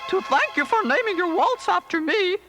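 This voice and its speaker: A woman's voice: very high voice, animated, moderate pace. A woman voicing an affectionate, gushing female cartoon cow in a storybook read-along. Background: music.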